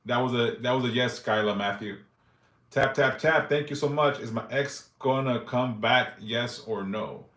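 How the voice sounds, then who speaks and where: On a casual live stream, a man in his forties reads viewers' yes-or-no questions out loud and gives brief, loose, profane answers. His voice is medium-pitched with a fairly bright tone and reverberant sound.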